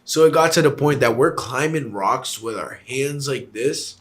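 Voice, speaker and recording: Animated man recounting an adventure casually. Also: mid-range voice, normal speed. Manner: animated, emphatic, acts out what was said. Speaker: hiker recounting a climb. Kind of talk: casual storytelling chat.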